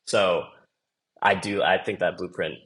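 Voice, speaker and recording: In a relaxed podcast interview, a young man from Los Angeles who works as a marketing manager talks casually and chattily. He has a low, fairly bright voice with fairly even intonation, and he speaks at a measured pace.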